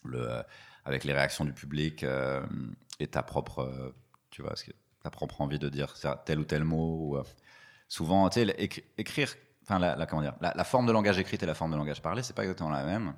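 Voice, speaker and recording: Super deep voiced comedian guy, talks fast, slangy and chill, kinda rambly. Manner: slangy, laid-back, rambling. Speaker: stand-up comedian. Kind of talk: casual interview chat.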